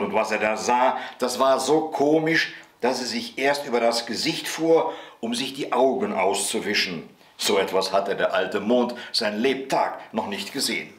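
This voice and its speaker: A man reading a bedtime story aloud in a gentle, expressive way. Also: medium pitch. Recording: roomy echo.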